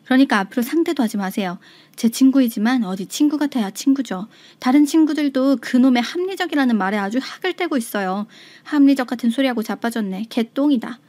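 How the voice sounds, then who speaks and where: A woman voicing a blunt young woman who speaks quietly. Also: high voice, animated, fairly quick. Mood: scornful.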